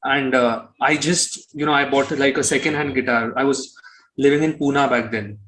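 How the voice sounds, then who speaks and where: Speaking at a moderate pace in a mid-range, fairly bright voice with fairly even intonation, a young Indian-accented man answers interview questions in a relaxed way. He's a singer-songwriter who explains things thoughtfully, and the recording is rough.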